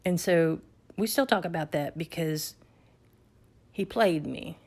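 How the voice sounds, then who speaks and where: A middle-aged woman vlogger tells her life story through family anecdotes, chatty and salty, laughing along the way. Her voice is fairly low, slow and a little mellow.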